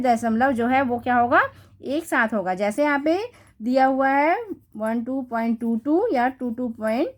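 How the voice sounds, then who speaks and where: A woman math teacher, explaining a lesson and answering her own questions. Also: sits high. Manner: reads English definitions slowly, then explains with repeated rhetorical questions.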